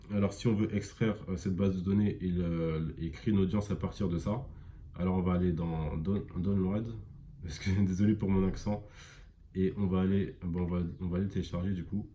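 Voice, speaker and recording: A man giving a casual screen-recorded software tutorial, rambling with many fillers and self-corrections. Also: sits low. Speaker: e-commerce tutorial presenter.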